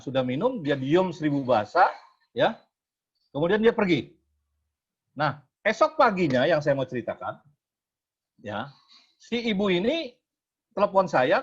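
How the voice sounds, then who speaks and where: A man giving a testimony at a prayer meeting, telling a story in a lively way and asking his listeners questions. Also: fairly high pitch, slightly rough, lo-fi sound. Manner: lively storyteller who asks the audience rhetorical questions.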